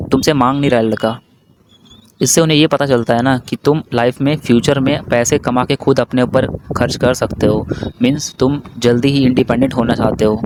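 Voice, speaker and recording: A young man from India giving casual, brotherly advice straight to the viewer, repeating his points as he goes. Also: mid-range voice. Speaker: vlogger. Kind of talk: casual advice talk to camera. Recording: noisy background hiss.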